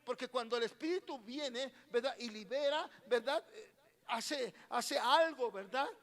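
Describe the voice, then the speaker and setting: A man's voice: very high voice, unhurried, a bit bright, long reverb tail. A man with a Mexican Spanish accent preaching a sermon as pastor, constantly questioning his congregation and repeating his words. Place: church hall.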